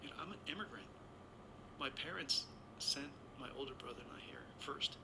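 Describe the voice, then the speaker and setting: A man's voice: medium pitch, fairly quick, gravelly, noisy background. A Taiwan-born man in his sixties, an interview guest telling a long personal story in a rambling way, often correcting himself. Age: 60s. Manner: rambling, anecdotal, with self-corrections. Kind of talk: conversational storytelling.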